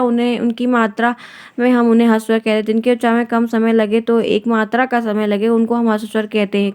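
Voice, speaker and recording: Clear-voiced woman teaching an exam lesson. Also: on the high side. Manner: explains step by step with repeated check-ins.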